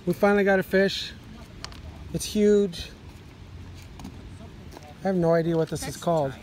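A man's voice: high voice, a little slow, slight background noise. Rambling man filming himself fishing. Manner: relaxed, rambling with many ums. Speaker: fishing vlogger, father. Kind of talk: casual vlog narration. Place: inside a parked car, then outdoors on a river dock. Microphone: phone camera at arm's length.

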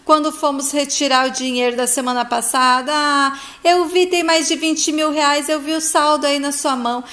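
A greedy, scheming mother pushes and belittles her daughter in a high-pitched voice, voiced by a woman retelling a soap opera. She sounds scornful and demanding throughout. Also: fairly even intonation, moderate pace, bright, forceful tone.

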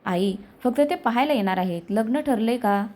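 Brief: woman storyteller voicing a stubborn young bride-to-be, low and subdued, storybook reading. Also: animated, moderate pace, a little mellow, natural voice. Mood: subdued, irritated.

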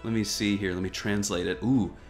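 A man speaking briskly in a fairly low, steady tone offers casual commentary on a video game trailer for his gaming news show. His humor is wry, and music plays in the background.

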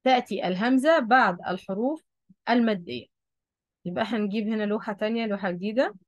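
A woman's voice: fairly high pitch, fast, no room sound, highs cut off. A woman with an Egyptian Arabic accent, patiently explaining a Quran recitation rule and checking that her students follow along. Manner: patient, repeats key points, checks understanding. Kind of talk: explaining a lesson at a board.

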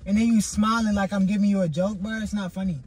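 A man's voice: high-pitched, fairly even intonation, quick pace, a crowd in the background. Exasperated man pleading to be heard. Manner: exasperated, pleading, repeats "bro" constantly. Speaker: boyfriend and father. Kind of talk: casual prank vlog chat. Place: inside a parked car.

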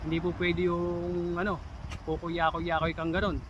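A man's voice: sits high, completely flat delivery, measured pace, a bit bright, dull audio, a little hiss or hum. A man in his thirties from the Philippines giving casual advice in a vlog, chatty, with emphatic warnings and a habit of calling his viewers "tol". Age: 30s. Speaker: vlogger giving job interview tips.

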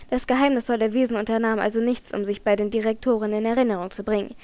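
A woman with a fairly high voice reading an audiobook in a measured storytelling manner. The recording is close and completely dry, with no room around it. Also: little pitch movement, darkish tone, no room sound. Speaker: audiobook narrator. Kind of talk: scripted narration.

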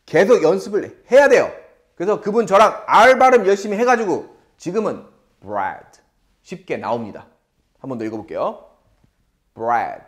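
A man with a Korean accent teaching an English lesson, drilling phrases slowly and explaining with animated delivery. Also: fairly high pitch.

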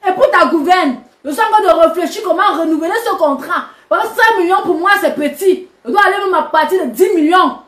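Woman, very high voice, combative scolding rant to followers, echoey room. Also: expressive, fairly quick, few pauses, a bit bright. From Cameroon. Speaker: social media personality addressing subscribers. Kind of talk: live video rant. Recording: roomy echo.

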